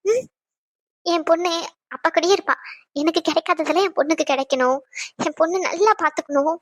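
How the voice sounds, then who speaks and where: A woman plays a young expectant wife in a cartoon, jealous of her unborn daughter and teasing her husband. The voice is very high and rapid, with a dry, close sound. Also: no echo. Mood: tender, wistful. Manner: playful, scolding, then tender.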